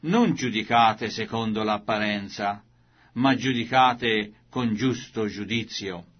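A man reading as a grave, husky male teacher. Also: fairly low pitch, dull audio. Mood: solemn. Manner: slow, grave and emphatic. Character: solemn male religious teacher addressing a crowd. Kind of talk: scripture reading.

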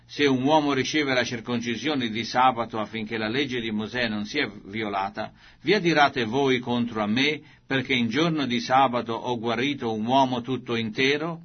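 A man reads the part of a grave male teacher who speaks to a crowd with slow, weighty emphasis. The voice is husky, at a middle pitch. The recording is muffled and lo-fi, in the manner of an old scripture reading. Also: lightly acted. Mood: solemn. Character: solemn male religious teacher addressing a crowd.

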